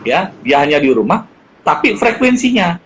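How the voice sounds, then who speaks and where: Lively middle-aged man explaining parenting. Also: high-pitched, normal speed, slight background noise, poor audio. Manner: animated, acts out quoted dialogue in changed voices. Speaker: guest speaker on parenting. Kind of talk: casual chat.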